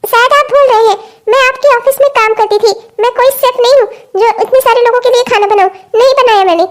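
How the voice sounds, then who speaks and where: A woman voicing a scheming, greedy young fiancée in a cartoon, sharp and scornful when she argues. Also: very high-pitched, fast talker. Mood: defiant. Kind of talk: cartoon voice acting.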